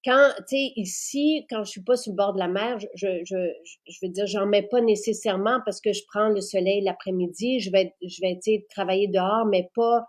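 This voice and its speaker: Woman host, eager, leans on repeated words, medium pitch. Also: normal speed, darkish tone. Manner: enthusiastic, repeats words for emphasis. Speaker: host presenting skincare products. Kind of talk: casual chat.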